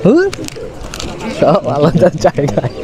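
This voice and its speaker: A man's voice: a little high, wildly swooping pitch, takes it slowly. A man playing bingo, casually commenting and repeating numbers to himself. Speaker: bingo player. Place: outdoor family-day event with a crowd. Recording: noisy outdoor crowd around.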